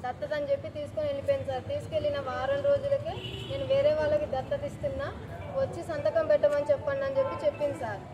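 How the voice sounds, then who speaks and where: A woman's voice: sits high, little pitch movement, rapid-fire. A young woman in her twenties, making an urgent, pleading appeal to officials outdoors and repeating herself as she talks. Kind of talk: distressed street appeal to reporters. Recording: street recording with traffic noise. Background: traffic and street noise.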